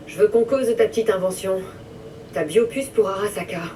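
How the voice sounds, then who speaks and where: A woman's voice: medium pitch, brisk, close to an everyday voice. A woman as a blunt, demanding female mercenary; game dub, distant and noisy.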